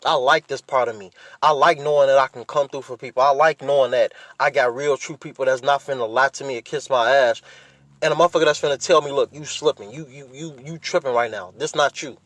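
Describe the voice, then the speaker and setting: Speaking alone on his podcast, an American host offers his opinions in informal, slangy, often profane talk. His medium-pitched voice is steady and fairly bright, a little fast, and the recording is dry.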